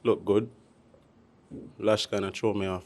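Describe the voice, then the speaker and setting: A man answers as a dating show contestant in short, casual phrases. His voice is lowish and full of fry, and he talks very slowly. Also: steady tone, a little mellow.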